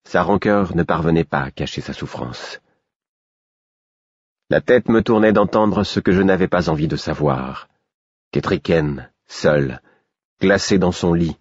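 A man reading a first-person audiobook in a measured, steady way. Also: sits low, breathy edge, no echo, dull audio. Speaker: audiobook reader.

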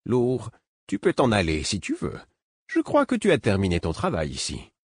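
A man voicing a wry, gentle older courtier. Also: fairly low pitch, huge pitch swings, normal speed, husky, no room sound, clean studio sound, full character voice. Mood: mild. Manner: mild, courteous, faintly mocking.

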